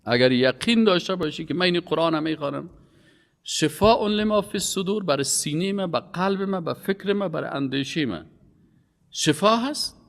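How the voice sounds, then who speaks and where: A man giving an emphatic religious lecture, his voice rising on key words and dropping low. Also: vocal fry, a bit bright. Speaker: Quran teacher. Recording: long hall reverb.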